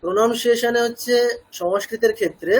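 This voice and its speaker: A man with a Bengali accent teaches a pronunciation class, talking it through step by step and often turning questions back to his listeners. His voice sits high for a man and has a breathy, husky edge. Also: poor audio. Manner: explains slowly, asks the class questions, mixes in English words. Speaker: Sanskrit chanting teacher. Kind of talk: classroom lecture.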